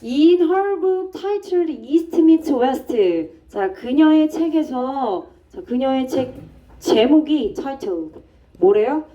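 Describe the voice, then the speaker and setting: A woman's voice: sits high, sing-song, drawn-out words, dark tone, distant mic, lo-fi sound. A woman teaching an English grammar lesson to a class, explaining step by step and asking and answering her own questions. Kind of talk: classroom lecture.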